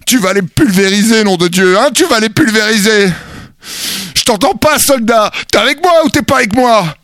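A man's voice: very high-pitched, expressive, a little fast, a bit bright, dry recording, clean studio sound, voice pushed up, heavily acted. A man acting a fierce, rousing drill sergeant who barks commands in a profane comedic monologue. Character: mock drill sergeant barking at his soldier, fierce, rousing.

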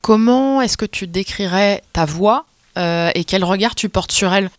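A woman asking interview questions, pausing with fillers as she searches for words. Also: medium pitch, no echo, clean studio sound.

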